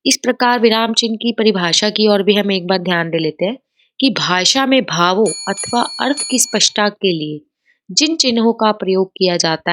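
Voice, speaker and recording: Lady teacher going over grammar slides, patient, medium pitch. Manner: patient, explanatory, mixes English words.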